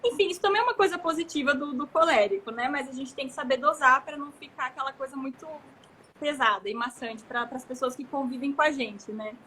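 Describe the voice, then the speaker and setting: A Brazilian woman in her thirties talks expansively as a guest in a live chat, her voice high and bright. She tells stories with animated energy, over a faint hiss of noise. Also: fast talker. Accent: Brazilian Portuguese. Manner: expansive, gesturing, animated storytelling. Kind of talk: casual live conversation.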